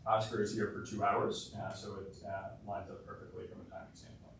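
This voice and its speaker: Halting low-voiced man in a very echoey room. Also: level tone, fairly bright tone. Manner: halting, hesitant delivery. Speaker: official addressing a council. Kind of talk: procedural announcement at a public meeting. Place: large indoor council meeting room. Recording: very echoey room, distant mic, clear noise.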